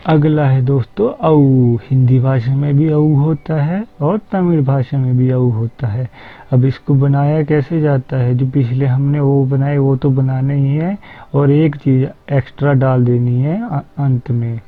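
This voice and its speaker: Slow, patient male teacher on tinny audio. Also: medium pitch, steady tone. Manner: patient, repeats sounds slowly. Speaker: language teacher. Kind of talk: slow explanatory lesson.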